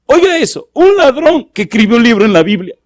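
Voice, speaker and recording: A man's voice: very high voice, very animated, brisk. A middle-aged man preaching a sermon to a live church audience, telling a story and asking rhetorical questions. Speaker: pastor.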